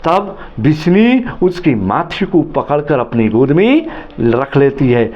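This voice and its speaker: A man's voice: fairly high pitch, big pitch swings, slow pace, highs cut off. A man who, as a teacher, retells a story for a lesson in a dramatic, repetitive way.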